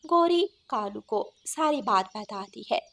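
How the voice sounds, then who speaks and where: A woman narrating a cartoon story in a plain, steady storytelling manner. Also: a little high, unhurried, creaky.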